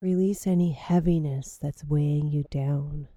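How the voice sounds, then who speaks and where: A woman leading a guided grounding meditation in slow, soothing, drawn-out phrases. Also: deep voice, fairly even intonation, mellow, dry recording, clean studio sound.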